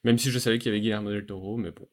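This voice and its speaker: A man hosting a relaxed podcast conversation, talking enthusiastically about animated series with frequent fillers and restarts. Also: lowish voice, racing. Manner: enthusiastic, hesitant with many fillers. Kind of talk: casual chat.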